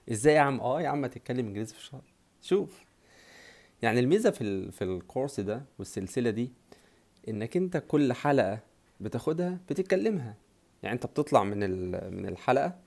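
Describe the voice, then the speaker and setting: A young man with an Egyptian Arabic accent, teaching an online English lesson with energy, drilling words slowly and having viewers repeat them. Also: medium pitch, gravelly, darkish tone.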